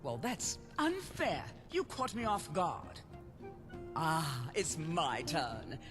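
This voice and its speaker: A haughty dark elf woman from a fantasy game, sneering in drawn-out, slow phrases. Her pitch swoops theatrically as she mocks, over clear background music. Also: wildly swooping pitch, full character voice. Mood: smug, rattled. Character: haughty, mocking female dark elf duelist of insults. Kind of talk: fantasy video game character acting.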